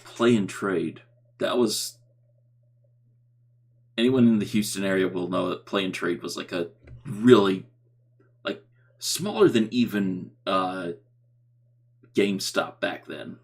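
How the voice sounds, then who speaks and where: A man streaming a reaction to a video, rambling casually with many halting fillers. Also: low-pitched, creaky.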